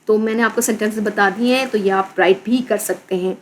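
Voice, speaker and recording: A woman's voice: medium pitch, steady tone, fairly quick, slight background noise. A woman teacher with a Pakistani accent explaining an English lesson in Urdu, repeating words and spelling them out letter by letter.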